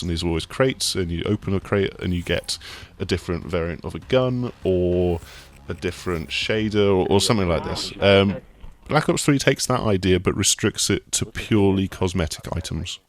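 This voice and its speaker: Deep-voiced man chatting casually. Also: normal speed, hardly any pauses. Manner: relaxed, rambling explanations with many fillers and restarts. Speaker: games journalist co-host. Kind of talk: casual gaming discussion.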